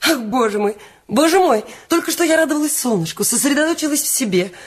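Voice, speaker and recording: Man voicing a fussy, high-strung aging actress. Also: expressive, fast. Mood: flustered. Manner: theatrical, gushing, nervous exclamations. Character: fussy excitable aging stage actress, a woman. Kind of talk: audiobook character voice.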